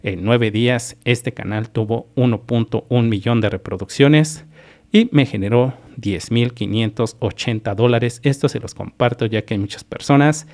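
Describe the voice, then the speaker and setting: A Mexican man runs his own YouTube channel, talking his viewers through earnings over a screen recording in a methodical, repetitive way. His voice sits mid-range with a darkish tone, and he speaks at a normal speed.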